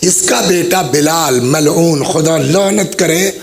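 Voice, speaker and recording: A man giving a Muharram majlis sermon as a religious orator, telling the story dramatically and voicing its people while speaking directly to the gathering. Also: fairly high pitch.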